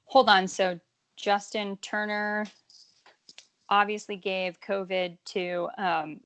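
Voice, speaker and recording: A woman chatting casually as a podcast guest. She talks with animated, giggly energy and often restarts her words. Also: mid-range voice, takes it slowly, clean tone, no echo. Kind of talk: casual chat.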